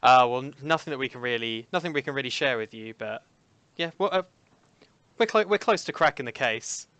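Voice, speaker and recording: A man's voice: medium pitch, lively intonation, sharp tone, clean tone, no echo. A man playing a polite tiefling adventurer in his own voice, speaking hesitantly with many halts. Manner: hesitant, halting.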